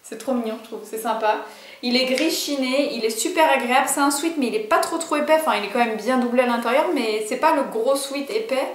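A woman's voice: a little high, fairly quick, slight background noise. Chatty young woman in an echoey room. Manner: chatty, bubbly, many fillers and asides. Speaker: vlogger. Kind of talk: casual clothing haul.

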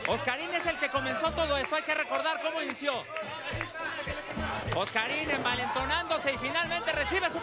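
A Mexican man works as a wrestling commentator, calling the action live in a theatrical, excited shout. His voice is pitched extremely high for a man. Loud music and a big outdoor crowd fill the space behind him.

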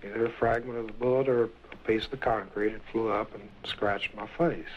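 Man, witness, hesitant with fillers, lowish voice, dull old vinyl sound, soft hiss. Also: steady tone, a little fast. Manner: hesitant, many fillers, plain folksy wording. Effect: old vinyl record, muffled with faint surface hiss. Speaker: eyewitness. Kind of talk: plain spoken testimony. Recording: muffled old vinyl record with faint hiss.

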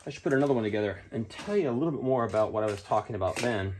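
A man's voice: medium pitch, lively intonation, racing, darkish tone, a little hiss or hum. A middle-aged man talking casually while he works on a costume piece in a cluttered home workshop, rambling and thinking aloud, picked up by a camera mic a little way off. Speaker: costume maker and vlogger.

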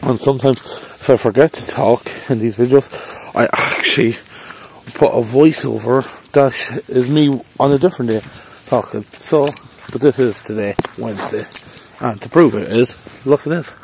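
A slightly mellow, medium-pitched man from Ireland chats at a normal speed while walking a snowy park path, phone held at arm's length for his casual vlog. He rambles, with playful sing-song bursts. The low-quality recording has a little hiss or hum and faint outdoor ambience.

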